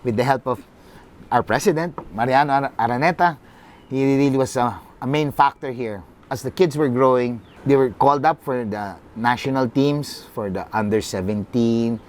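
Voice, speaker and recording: A middle-aged man with a Filipino accent, a football club CEO, telling his life story in a halting, earnest way. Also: mid-range voice. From Philippines. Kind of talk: personal storytelling.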